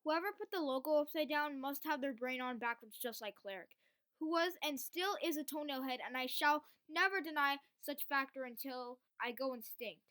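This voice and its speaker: A woman's synthetic voice playing a boastful cartoon character who strings together long, elaborate insults. The voice is high-pitched and recorded dry and close. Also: sharp tone, no room sound. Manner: wordy, insulting. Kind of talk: fan-made text-to-speech cartoon.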